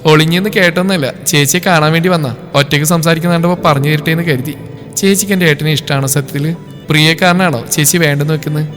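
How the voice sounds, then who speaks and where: An earnest younger sister makes her case quickly and directly , read by a male narrator in his own voice. His voice sits fairly high, and a hall echo with faint music trails the reading. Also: steady tone, fairly bright tone, close to an everyday voice.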